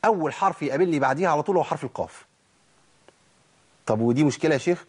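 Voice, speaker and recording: Egyptian man, recitation teacher; rapid talker who quizzes himself and drills slow, repeated sound examples. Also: a little high, expressive, slightly rough. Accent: Egyptian Arabic. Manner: asks himself rhetorical questions and answers them; drawn-out demonstrations of letter sounds with repeated examples. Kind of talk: recorded recitation lesson.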